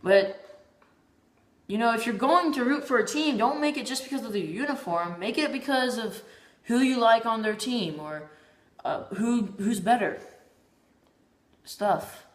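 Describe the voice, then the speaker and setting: A woman's voice: a little high, expressive, normal speed, echoey room. A woman vlogging in a casual, rambling monologue, often stumbling and repeating her words.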